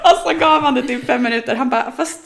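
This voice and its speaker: Lively young woman telling a story. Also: high voice. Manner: animated storytelling, quoting others, laughs often. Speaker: podcast co-host. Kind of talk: casual chat.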